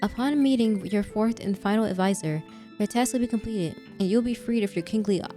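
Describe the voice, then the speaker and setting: A woman voicing a pompous, ceremonial game announcer proclaiming decrees in a raised, louder voice. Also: mid-range voice, brisk, soft background music, voice pushed up, lightly acted. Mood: grandiose.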